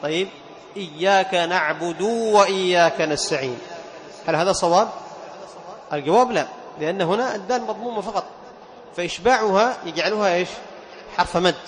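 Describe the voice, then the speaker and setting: A man's voice: high-pitched, fast talker, pauses often, long reverb tail. A man teaching Quran recitation rules in a lesson, explaining patiently, repeating key points and asking his students rhetorical questions. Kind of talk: classroom lesson on tajweed.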